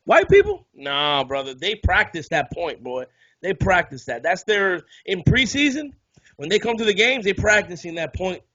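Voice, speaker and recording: A man's voice: high voice, lively intonation, normal speed, bright, forceful tone, dull audio. A man co-hosting a casual podcast, telling a story in a heated rant full of swearing. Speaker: podcast co-host.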